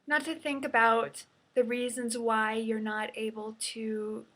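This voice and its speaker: Slow, hesitant young woman vlogging. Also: on the high side, little pitch movement, fairly bright tone. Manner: hesitant, many ums, laughs at herself. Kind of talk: casual video diary.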